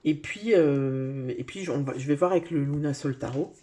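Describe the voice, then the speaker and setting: This tarot card reader, a native French speaker, has a deep, warm voice and a moderate pace. She chats casually straight to the viewer during her reading, using plenty of fillers.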